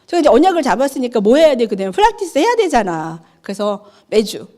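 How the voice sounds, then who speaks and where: A woman's voice: on the high side, fast talker. A woman in her fifties, an evangelist preaching a sermon, who tells stories chattily, acts out the dialogue and asks the congregation questions. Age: 50s. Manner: animated storytelling that acts out the dialogue.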